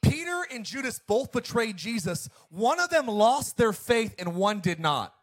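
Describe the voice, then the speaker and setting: A man's voice: high-pitched, very animated, a little slow. A male pastor preaching an emphatic sermon to his congregation. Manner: emphatic, preacherly, swings between loud and quiet.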